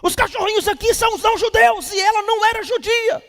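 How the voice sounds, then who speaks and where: A male pastor preaching a lively sermon at a church service, quizzing the congregation and breaking into shouts. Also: very high voice, fast. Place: church service in a large hall. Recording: long hall reverb from the church.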